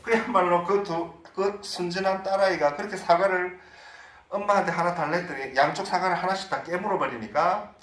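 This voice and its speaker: A man with a Korean accent teaching an English reading lesson, explaining in Korean and reading English sentences slowly. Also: high voice, a bit bright, reverberant, recorded from a distance, rough recording. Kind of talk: online lecture.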